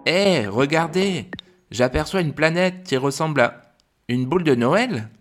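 A bright, high little girl's voice, put on by a male storyteller, full of wide-eyed exclamations. She pitches well above the narrator's low tone. She stays eager and quick throughout the storybook. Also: expressive, faint music behind. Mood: excited. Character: excited young girl space adventurer.

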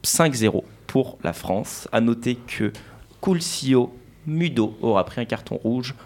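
A man's voice: medium pitch, animated, a little slow, a little mellow. Upbeat male sports radio host. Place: radio studio.

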